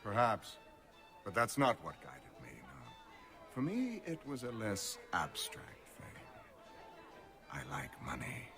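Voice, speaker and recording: An actor playing a mercenary male physician who talks calmly and reasons coolly in a game scene. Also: fairly low pitch, exaggerated voice. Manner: calm, measured, coolly reasoned. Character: cold, mercenary male doctor who loves money. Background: game music.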